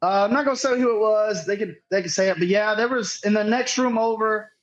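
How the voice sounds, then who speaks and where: A cornhole player appears as a guest on a podcast, speaking briskly in a high voice on a rough recording. He tells a rambling, profane story in a casual way, frequently quoting other people.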